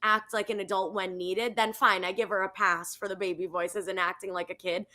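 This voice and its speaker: A woman's voice: medium pitch, little pitch movement, a little fast, bright, forceful tone. A woman in her twenties co-hosting a reality TV recap over a video call, chatting casually in a rambling way full of "like". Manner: rambling, filler-heavy with frequent "like". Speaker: co-host of a reality TV recap show. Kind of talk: casual chat commentary.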